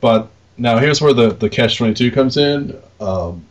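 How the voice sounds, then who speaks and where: A man with a mid-range voice talks at normal speed as co-host of a podcast, an arcade game operator chatting shop casually and without a script. He rambles informally and uses some mildly crude slang, and the recording is dull and lo-fi.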